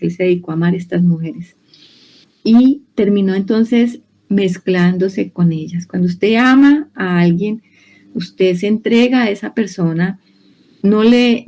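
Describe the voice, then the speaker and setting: A Colombian woman with a Colombian Spanish accent leads a church Bible study. Her voice is warm and mellow, sitting at a middle pitch for a woman. She explains at an easy teaching pace and often backs up to rephrase. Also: dull audio. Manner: explanatory, conversational, with many restarts. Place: church hall.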